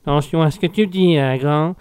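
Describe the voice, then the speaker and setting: A doting old grandmother who fusses and stammers over her grown son, played by a man. Her voice sits a little high and motherly. The sound is dry and close, with no room around it. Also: fairly quick, darkish tone, smooth, no echo, lightly acted. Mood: scolding.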